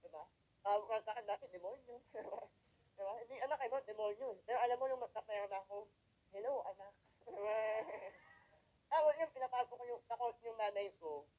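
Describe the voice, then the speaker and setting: A man from the Philippines giving an emotional personal testimony to a live audience, firing rhetorical questions at the crowd and swinging between loud emphatic lines and hushed ones. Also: very high-pitched, quick pace, low-quality recording. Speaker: motivational speaker at a company event.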